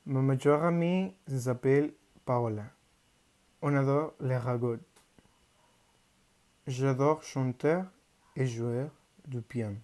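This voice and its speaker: A teenage boy from Mexico, a native Spanish speaker with a Mexican Spanish accent, reading a prepared class presentation in a careful, halting learner's way. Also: mid-range voice, darkish tone. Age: teens. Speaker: high school student.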